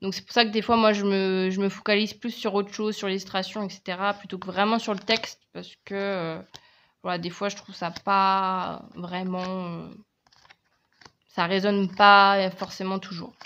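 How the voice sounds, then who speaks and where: A woman's voice: medium pitch, little pitch movement, normal speed, fairly bright tone, dull audio. A woman with a French accent presenting her oracle card decks in a casual, chatty video, often hesitating and restarting her sentences. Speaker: tarot and oracle card reviewer.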